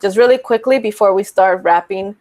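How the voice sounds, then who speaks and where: A woman's voice: medium pitch, brisk, a little mellow, slight background noise. A woman hosting a casual talk, affirming her guest and speaking conversationally. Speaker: host. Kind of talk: casual video-call talk.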